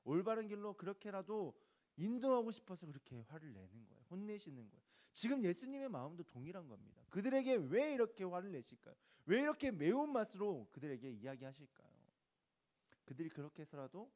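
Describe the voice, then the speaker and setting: A male pastor in his thirties preaches to teenagers, his fairly high voice leaping up for emphasis and then falling low and hushed. He keeps it conversational and asks the listeners questions as he talks. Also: brisk. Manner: lively, swings between loud emphasis and soft hushed asides. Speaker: youth pastor. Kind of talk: youth sermon.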